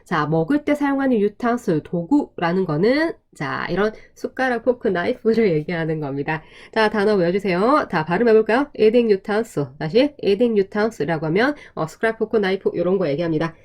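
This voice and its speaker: A woman's voice: mid-range voice, animated, normal speed, few pauses, darkish tone. Korean woman teaching English exam answers. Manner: teacherly, drills pronunciation with repeated prompts and rhetorical questions. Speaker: TOEIC English instructor. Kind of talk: exam review lecture.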